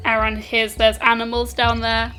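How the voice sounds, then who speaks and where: A woman's voice: a little high, completely flat delivery, moderate pace, pushed and bright, faint music behind, rough recording. A woman chatting casually as a player in a tabletop role-playing game.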